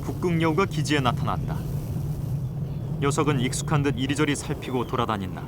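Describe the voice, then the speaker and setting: A man reading scripted nature documentary narration in a measured, formal broadcast style. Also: medium pitch, lively intonation, very noisy. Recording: loud music bed under voice. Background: prominent background music.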